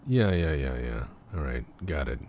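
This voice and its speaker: A man's voice: extremely low pitch, expressive, moderate pace, darkish tone, a little hiss or hum. A man hosting a gaming video with casual, jokey, crude commentary and some swearing. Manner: jokey, crude, sweary, plays around with silly voices.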